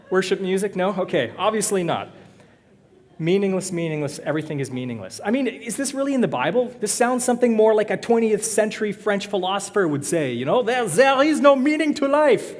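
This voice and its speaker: A man preaches in a church, easygoing and quick to joke with his congregation. His voice sits a little high for a man. A long reverb from the sanctuary trails each phrase. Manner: conversational, joking with the congregation. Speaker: pastor. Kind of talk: sermon.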